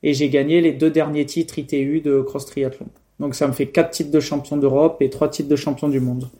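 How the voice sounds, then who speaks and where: A man's voice: a little high, little pitch movement, a little fast, warm tone. A young man from France answering interview questions in a casual, hesitant way, with many fillers and restarts. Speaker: guest, professional triathlete.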